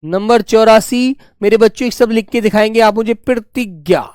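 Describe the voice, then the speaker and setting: A male teacher giving a spelling class, dictating words slowly and repeating each one, talking to pupils in a fatherly way. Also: high voice, darkish tone, smooth, dry recording, clean studio sound. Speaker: Hindi teacher.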